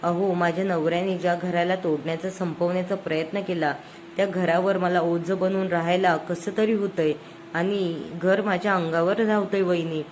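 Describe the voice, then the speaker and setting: A woman voicing a gentle, ashamed middle-aged woman in a serial recap, in a plain retelling voice. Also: lowish voice, fairly even intonation, normal speed, a little hiss or hum, lightly acted. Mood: sorrowful.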